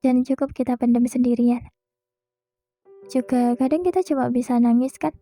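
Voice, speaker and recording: Gentle young woman, soft and mellow. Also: sits high, steady tone, normal speed, soft background music. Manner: gentle, reassuring, speaks directly to the listener. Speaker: podcast host. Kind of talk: soft comforting monologue.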